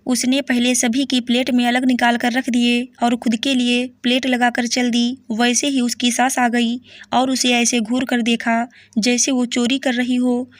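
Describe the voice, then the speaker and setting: A woman narrating a moral story in a steady, even reading voice. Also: a little high, a little slow, dry recording.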